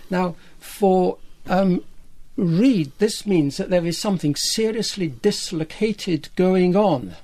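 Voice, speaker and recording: A man with a Scottish accent, speaking as a guest on an academic discussion panel. He talks in a measured, thoughtful way and pauses on fillers as he builds his points. His voice sits a little high for a man. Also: darkish tone. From Scotland.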